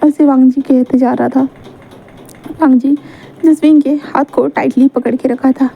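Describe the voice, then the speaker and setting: A woman's voice: high-pitched, little pitch movement, a little slow, gravelly, breathy edge, phone-quality sound. A woman casually narrating a romance fan fiction story. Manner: casual retelling with fillers.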